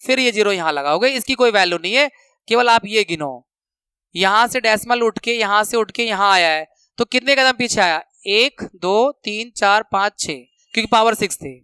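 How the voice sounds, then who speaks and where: A man teaching a maths lesson, counting steps out loud and repeating the rules for students to remember, speaking terms. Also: high voice, clean tone, dry recording. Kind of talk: classroom lesson explanation.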